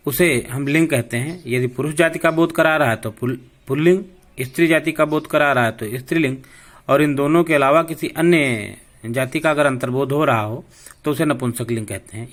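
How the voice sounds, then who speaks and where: A man teaching a slow, deliberate grammar lesson for young schoolchildren, spelling out sounds. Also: medium pitch, fairly bright tone. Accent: Hindi.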